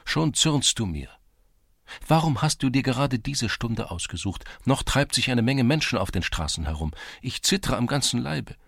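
A man putting on a bashful seventeen-year-old village girl, raising his voice well above his usual low register. She speaks softly, with longing and gentle teasing, a faint gravel still in the tone. The audiobook is recorded close and dry. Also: big pitch swings, moderate pace, no echo, exaggerated voice. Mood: anxious. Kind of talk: audiobook character reading.

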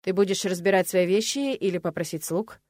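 A woman reading the lines of a calm, reserved young male necromancer in a terse, mild, understated way. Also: fairly low pitch, fairly quick, dry recording, close to an everyday voice.

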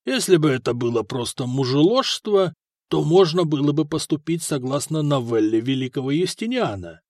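A man voicing a fat, self-important noble magistrate who talks in a slow, bored, contemptuous drawl, in an audiobook. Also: fairly high pitch, expressive, a little mellow, no echo, studio quality. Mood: bored contempt.

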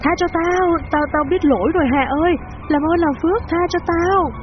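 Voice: extremely high pitch, a little fast, muffled recording, soft background music, pitched above the performer's own voice. A narrator voicing a cowardly young man who stammers in terror. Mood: begging. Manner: terrified, stammering.

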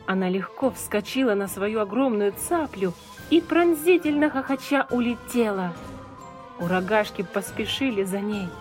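A woman narrating a children's fairy tale in an expressive, measured storytelling manner. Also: medium pitch, faint music behind. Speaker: audiobook reader.

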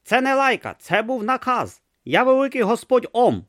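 A man's voice: very high voice, very animated, moderate pace, fairly bright tone, voice pushed up, heavily acted. A man voicing an irritable, imperious ancient god trapped in the body of a small tortoise, barking orders and sneering. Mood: furious. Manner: imperious, sarcastic, barks orders.

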